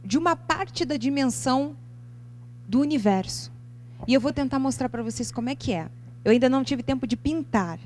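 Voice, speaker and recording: High-voiced woman giving a lively lecture. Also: a little hiss or hum. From Brazil. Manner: animated, asks the audience many questions; lively, expressive intonation with sudden leaps in pitch. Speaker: lecturer on music and spirituality. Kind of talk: seminar talk to a live audience. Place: lecture venue.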